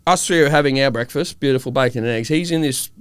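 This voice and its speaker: A man in his thirties with an Australian accent, co-hosting a casual pub-style podcast and telling animated yarns. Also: mid-range voice, quick pace, smooth, no echo. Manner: animated storyteller, acts out mates' voices. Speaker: podcast co-host.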